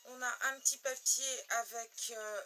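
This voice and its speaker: A woman from France reviewing makeup swatches in a home beauty video, talking slowly and letting repeated words fade quietly. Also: a little high, fairly even intonation, slight background noise, poor audio. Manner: slow, drawn-out, trails off quietly on repeated words. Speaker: beauty blogger.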